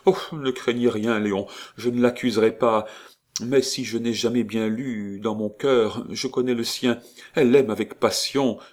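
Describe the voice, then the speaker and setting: A man's voice: mid-range voice, fairly even intonation, moderate pace, darkish tone, voice pushed up, natural voice. A man reading aloud and voicing a proud, desperate young noblewoman in a veil, earnest and pleading.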